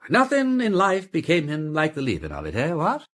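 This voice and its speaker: In a radio drama, an actor plays a breezy, inquisitive gentleman detective with an upper-class English accent and jaunty old-fashioned slang. He speaks at normal speed with a fairly high pitch and huge pitch swings.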